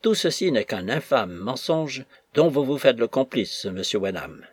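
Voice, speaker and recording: A furious, contemptuous colonel spits his words through gritted teeth, as a male reader puts him on. The voice is husky. The sound is dry and close. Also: medium pitch, sing-song, a little slow, no room sound. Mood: seething.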